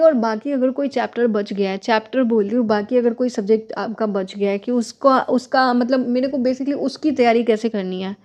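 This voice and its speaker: A woman's voice: a little high, darkish tone, dull audio. A young woman teaching exam preparation in a casual, direct manner, advising viewers and addressing them as friends. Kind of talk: casual explanatory lesson.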